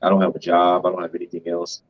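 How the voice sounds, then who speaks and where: A man's voice: deep voice, monotone, fast, muffled recording. A man co-hosting a finance show, giving casual, emphatic commentary and tagging his points with "right?".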